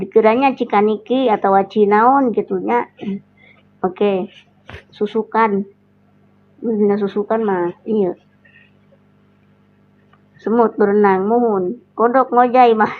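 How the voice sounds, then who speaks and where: Hoarse sundanese lady teaching tajwid real slow, sounds like a phone line. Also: a little high. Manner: slow, drawn-out explanation with recited examples. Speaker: Quran recitation teacher. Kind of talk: live-streamed tajwid lesson.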